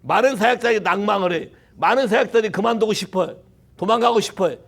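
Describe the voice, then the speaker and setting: High gravelly male preacher. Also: fast. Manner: animated, rhetorical questions, mixes in English phrases. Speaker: pastor. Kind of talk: sermon. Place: church.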